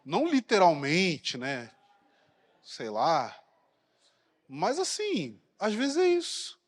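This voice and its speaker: Blunt preacher in a reverberant church. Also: male voice, high voice, huge pitch swings, slow. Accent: Brazilian Portuguese. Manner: blunt, colloquial, provocative. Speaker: pastor. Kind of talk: sermon. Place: large church hall. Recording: long reverb of a church hall.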